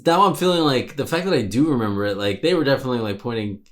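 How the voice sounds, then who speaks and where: A man's voice: mid-range voice, expressive, racing, fairly bright tone. A man co-hosting a casual film review chat, speaking hesitantly and correcting himself. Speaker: co-host.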